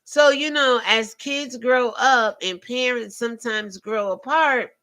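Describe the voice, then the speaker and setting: A woman's voice: on the high side, unhurried, sharp tone. A woman hosting a live call-in show, giving informal, emphatic commentary and speaking directly to her listeners.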